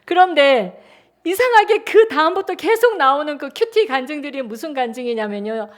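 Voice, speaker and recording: High-voiced woman pastor in her sixties. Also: normal speed. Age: 60s. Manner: animated, chatty storytelling with acted-out quotes. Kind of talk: sermon with personal storytelling. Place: church sanctuary.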